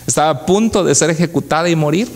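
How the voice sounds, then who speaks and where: A man's voice: on the high side, fast. A male pastor preaching a sermon with feeling and putting rhetorical questions to his congregation in church.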